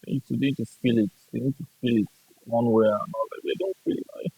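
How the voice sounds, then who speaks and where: A man's voice: medium pitch, steady tone, fast talker, vocal fry, warm tone, husky. A young Nigerian man with a Nigerian accent, a gaming streamer in casual chat, blunt, profane and repeating his points. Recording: dull lo-fi dry sound.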